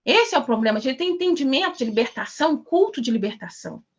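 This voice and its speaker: A woman's voice: high-pitched, animated, quick pace, breathy edge, lo-fi sound. A Brazilian woman mentoring an online class, preaching emphatically with rhetorical questions over a video call.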